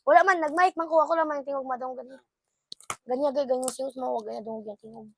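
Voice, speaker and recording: A woman's voice: sits high, quick pace, creaky, slight background noise. A young woman vlogging casually as she unboxes, exclaiming often and mixing English with her own language. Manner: excitable, exclaiming, mixes English with local talk.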